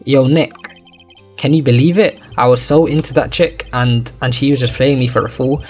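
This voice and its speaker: A man's voice: mid-range voice, steady tone, moderate pace, a little mellow, faint music behind, lightly acted. A man voicing a lovesick young man in a courtroom game, whiny and melodramatic, in a put-on accent. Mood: mopey.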